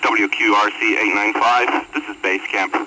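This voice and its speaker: A man's voice: lowish voice, fairly even intonation, moderate pace. Man over a static-filled radio. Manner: clipped radio procedure talk. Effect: heard over a handheld radio with static bursts. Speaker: radio operator at base camp. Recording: noisy radio transmission with static.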